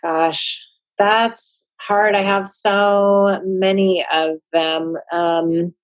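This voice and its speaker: A woman interviewed as a nurse practitioner, telling family stories in a casual, unhurried way, with many fillers and restarts. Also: mid-range voice, fairly even intonation, no echo. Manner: warm storytelling with frequent fillers and restarts.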